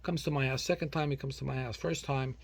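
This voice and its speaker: A man's voice: medium pitch, quick pace, creaky. A man with a North Jersey Italian-American accent chatting casually and telling stories in a blunt, colloquial way. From New Jersey. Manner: colloquial, blunt, animated retelling with acted-out quotes and Italian dialect phrases. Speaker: vlogger. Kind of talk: casual chat, storytelling.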